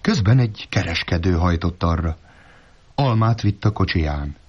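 A man with a low voice tells a folk tale in a steady, measured way. The recording sounds dull and lo-fi, as if from an old tape. His delivery stays even and unhurried. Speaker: storyteller.

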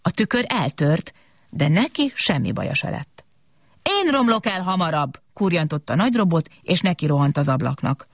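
A woman reading a children's story aloud in an animated, expressive way. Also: low-pitched, husky, no echo, clean studio sound.

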